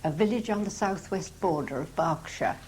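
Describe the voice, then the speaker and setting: A woman's voice: lowish voice, moderate pace, a little mellow, rough recording. A woman presents, giving scripted introductions and interview questions. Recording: amateur 1985 tape, faint noise.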